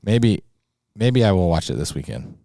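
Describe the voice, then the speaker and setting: A man co-hosting a casual podcast chat, joking and laughing often, breaking into loud bursts. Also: low-pitched, big pitch swings, normal speed, creaky. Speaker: podcast co-host.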